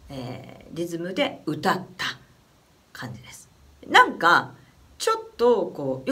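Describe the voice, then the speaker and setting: Woman voice coach from Japan, casual lesson talk, animated and expressive. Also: a little high. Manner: chatty, animated, demonstrates phrases slowly. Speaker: vocal coach. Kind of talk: casual spoken singing lesson.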